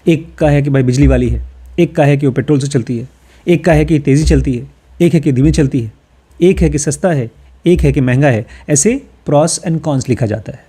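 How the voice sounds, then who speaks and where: Reading English passages from a self-help book and then explaining them with everyday personal examples, a course teacher from Uttar Pradesh, India keeps things casual. His slightly high voice is mellow and a bit rough, at a moderate pace.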